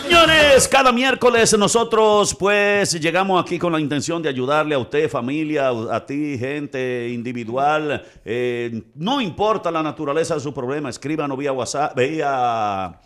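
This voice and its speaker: A man's voice: fairly high pitch, animated, a little slow, few pauses, a bit bright. A man hosting a radio talk show, reading listener letters aloud with playful, exclamatory banter.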